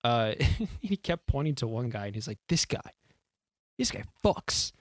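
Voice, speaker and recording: A young adult co-host from Houston, Texas, with a Texan accent, rambles casually on a podcast, laughing and swearing, leaning in to his desk mic. His mid-range voice swings widely in pitch at a slightly slow pace, captured in a dry, studio-quality recording.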